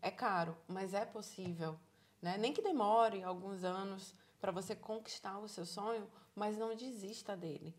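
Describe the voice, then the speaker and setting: A woman in her thirties with a Bahian Brazilian accent, telling her story in a casual interview in a lively, encouraging way. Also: medium pitch, moderate pace. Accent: Bahian Brazilian Portuguese. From Salvador, Bahia, Brazil. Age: 30s. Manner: animated storyteller, acts out quoted dialogue, encouraging. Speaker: interviewee, psychologist living abroad.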